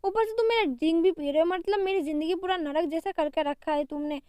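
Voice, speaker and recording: A woman voicing a quick-tempered young wife who scolds and threatens the man in her home. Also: very high-pitched, dark tone, dry recording, studio quality. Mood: angry.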